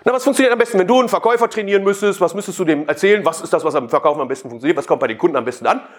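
A man with a high voice talks very fast, delivering a live sales pitch in which he questions the audience and provokes them.

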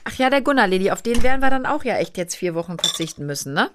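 A middle-aged woman hosts a relaxed podcast, talking freely and teasing her guest. She chats in an easygoing, lively way and breaks into laughter often. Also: mid-range voice, fast, slight background noise. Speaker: podcast host. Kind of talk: casual chat.

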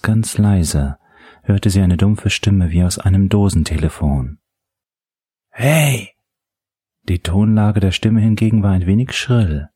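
A man narrating an audiobook in a measured, steady storytelling manner. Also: fairly low pitch, slightly rough, dry recording, studio quality.

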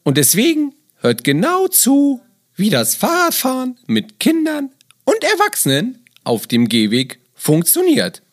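A man's voice: extremely high pitch, wildly swooping pitch, measured pace, voice pushed up, full character voice. A man voicing a cheerful puppet clown who hosts a children's podcast in an exclaiming, sing-song kids show manner. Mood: cheerful, excited. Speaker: podcast host.

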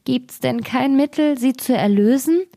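A woman voicing a brave, tender-hearted young princess in a fairy tale, speaking softly with a pleading tone. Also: medium pitch, normal speed, no echo, clean studio sound, close to an everyday voice.

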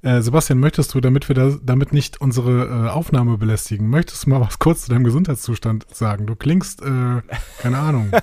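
A man of medium pitch co-hosts a casual podcast. He banters in a dry, teasing way, and the sound is close, with very little room. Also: brisk, warm tone, dry recording. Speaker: podcast co-host. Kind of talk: casual chat.

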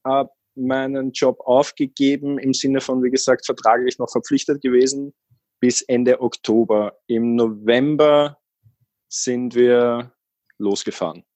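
A man's voice: medium pitch, steady tone, measured pace, a little mellow, dry recording. A man from Austria, a guest in a casual interview, talking in a rambling way with many fillers and restarts.

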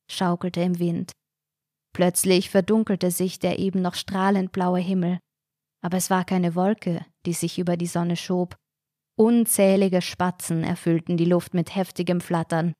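A woman narrating a short-story podcast in a measured, suspenseful reading. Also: lowish voice, dark tone, dry recording, studio quality.

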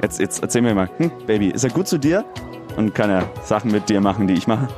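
A man voicing a sleazy, smooth seducer who croons pickup lines in a low, slow, sultry way. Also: expressive, music in the background, close to an everyday voice.

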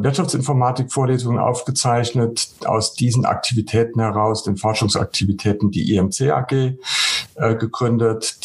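Mann mittleren Alters, Gast per Videocall, eher tiefe Stimme, erklärt ruhig und stockend. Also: male voice, fairly low pitch. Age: middle-aged. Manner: calm, explanatory, hesitant with fillers. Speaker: guest expert. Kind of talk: video call interview. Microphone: video call.

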